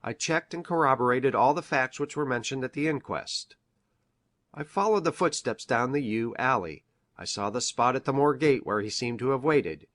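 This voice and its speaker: An actor playing an earnest, educated country doctor who recounts a tragedy in a formal, measured, precise way. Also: male voice, medium pitch, fairly bright tone, lightly acted. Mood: grave, earnest. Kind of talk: dramatised classic mystery radio play.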